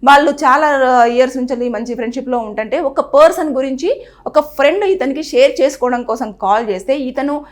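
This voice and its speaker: This news presenter talks fast in a high voice, explaining a legal topic to camera with earnest advice for viewers. She tends to repeat phrases, and she occasionally acts out people's quoted speech.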